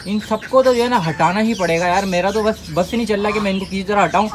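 A man, chatting casually to the camera as he shows his pet birds, animated and exclaiming at them. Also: high voice, fast talker. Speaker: pet vlogger. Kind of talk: casual vlog narration. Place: outdoor backyard with bird pens. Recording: noisy outdoor phone recording. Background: birds chirping and squawking.

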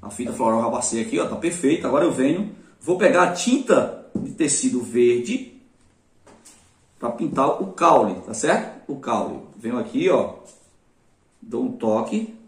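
A man's voice: medium pitch, very animated, moderate pace. A man with a Brazilian Portuguese accent teaching a craft step by step in a chatty way, often speaking to viewers and praising his work. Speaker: craft instructor. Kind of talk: casual step-by-step craft tutorial. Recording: roomy sound from a mic at a distance.

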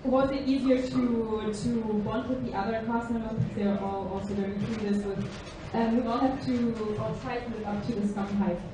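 A woman's voice: fairly high pitch, fairly even intonation. A woman fan asking an earnest, carefully worded question from the audience. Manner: careful, earnest, slightly halting. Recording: echoey hall from far off, clear noise.

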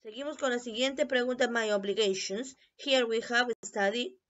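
A woman teacher giving a recorded review lesson, explaining in Spanish and repeating English phrases slowly for pronunciation. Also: fairly high pitch, steady tone, fairly bright tone. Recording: dull lo-fi recording.

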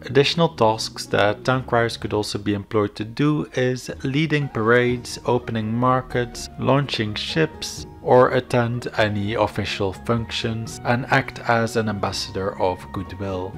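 A man giving a scripted educational history narration in a measured, explanatory manner. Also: medium pitch, steady tone. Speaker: video narrator. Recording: background music under voice. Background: instrumental music.

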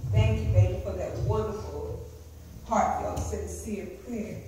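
A woman's voice: medium pitch, fairly even intonation, a little slow, noisy background. A woman leading a church service, fervent and exclaiming as she praises God. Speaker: worship leader. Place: large church sanctuary. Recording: echoey church from far off.

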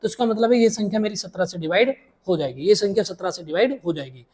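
Male maths teacher, patient and repetitive, slows down to spell out each step for the class. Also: high-pitched, a little mellow, husky. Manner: repeats each step slowly, addresses students as dear children. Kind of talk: blackboard maths lesson.

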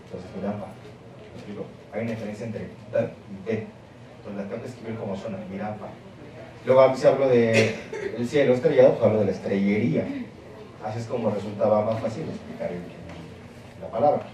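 A man's voice: lowish voice, quick pace. A man giving a university lecture, explaining emphatically and checking in with the audience as he goes. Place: lecture hall. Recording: very echoey hall, mic far off, audience noise.

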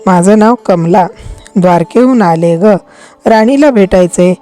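A woman reading a devotional story aloud and voicing a poor, proud old woman who scolds slowly and bitterly, with soft music behind. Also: mid-range voice, lightly acted. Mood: weary. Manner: slow, scolding.

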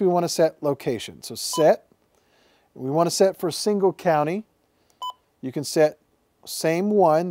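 In a TV weather studio, a male meteorologist with a fairly high, dark-toned voice walks viewers step by step through setting up a radio. His instructional demo is friendly, and the recording has no room sound.

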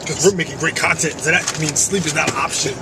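Weary male vlogger, twenties, higher-pitched voice, rambling, recorded off-mic inside a car. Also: fast. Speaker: video creator, vlogger. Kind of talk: casual vlog chat. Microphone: camera in the car, off from the mouth. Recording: noisy car interior, distant mic.

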